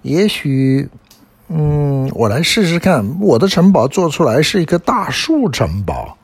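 Hesitant storybook princess, man in raised voice, husky. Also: fairly high pitch, sing-song, no echo, pitched above the performer's own voice, full character voice. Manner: hesitant, halting. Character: shy young princess unsure of her magic.

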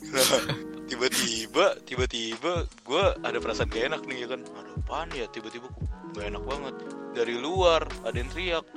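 Slangy young man telling a rambling story, relaxed chat over background music. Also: medium pitch, normal speed. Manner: slangy, rambling, laughs through his story. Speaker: guest storyteller. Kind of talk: casual chat.

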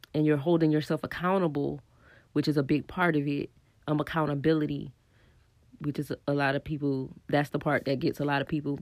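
Her voice is low and darkish, recorded with no room sound. Fighting a cold that leaves her nose stuffy and her throat scratchy, this podcast host muses earnestly and encouragingly on spiritual growth alone, working through her thoughts with lots of ums.

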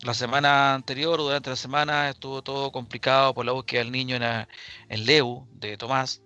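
A Chilean man hosts a live current-affairs radio show in a bright, forward voice of middling pitch. He speaks deliberately, pausing and repeating phrases. Faint music plays behind him. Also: flat delivery, no room sound, lo-fi sound. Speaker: radio talk show host.

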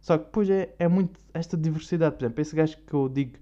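A man's voice: fairly high pitch, quick pace, warm tone. A young man with a European Portuguese accent, hosting a podcast in a rambling, slang-heavy casual monologue. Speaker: podcast host. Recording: dull lo-fi recording.

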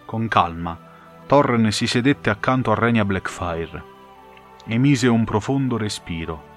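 A man narrating a fantasy audiobook in a measured, dramatic storytelling manner. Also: fairly low pitch, expressive, a bit bright, faint music behind.

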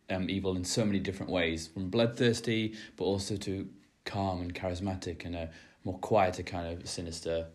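A man with a fairly low voice makes his case in a friendly debate. He speaks earnestly, stumbling and hesitating now and then. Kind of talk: casual debate podcast.

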